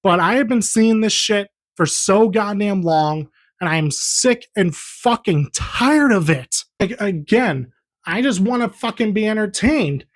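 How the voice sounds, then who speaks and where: A man's voice: high-pitched, lively intonation, measured pace. A young man giving a heated, profane, rambling movie review in a casual vlog. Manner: heated, profane, repetitive ranting.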